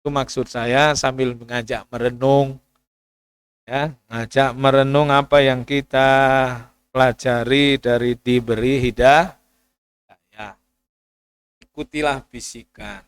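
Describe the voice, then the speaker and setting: A male Islamic preacher with a voice, giving an animated sermon lecture and acting out pleading prayers. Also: mid-range voice, slow pace, pauses often, smooth, dry recording. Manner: animated, acts out pleading prayers and mixes in Javanese phrases.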